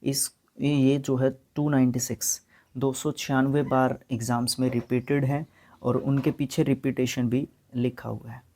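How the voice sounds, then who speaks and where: A Haryanvi man with a dark, mellow voice leads a solo exam-prep vocabulary lesson, recorded close to the mic. He moves between Hindi and English. He lingers on tricky words and spells them out letter by letter. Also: medium pitch, level tone, measured pace. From Haryana, India.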